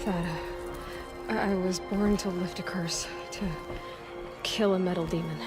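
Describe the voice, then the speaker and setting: A woman's voice: on the low side, fairly even intonation, measured pace, natural voice. Aloy, earnest young warrior played by a woman. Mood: hesitant, resolute. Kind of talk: dramatic video game acting. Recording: music behind the voice.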